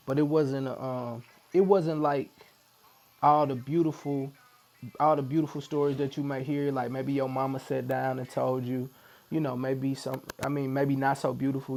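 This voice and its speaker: A man with a St. tells his story in a relaxed, chatty way. His voice has a gravelly edge, and he slips into the voices of the people he quotes. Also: mid-range voice. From Missouri, USA. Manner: animated storyteller who acts out quotes. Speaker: podcast guest. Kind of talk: storytelling in casual conversation.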